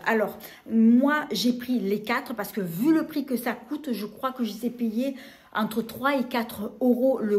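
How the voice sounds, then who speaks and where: Woman, beauty vlogger, slow halting delivery, fairly high voice, chatty and unscripted. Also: a little mellow. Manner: hesitant, many filler sounds, unhurried. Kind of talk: casual product haul talk.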